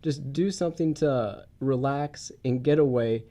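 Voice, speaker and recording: Stuffy-nosed from a head cold he's recovering from, a young man hosts a podcast informally, opening and conducting an interview. His mid-range voice is mellow and a little slow, and he speaks into a studio mic through a face mask or shield.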